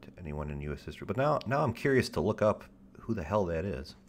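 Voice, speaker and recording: In a sing-song, fast delivery, a man hosting a livestream chats casually with a deep radio-style voice, rambling in halting phrases with wry, self-deprecating humor and casual cursing. A little hiss or hum sits in the audio.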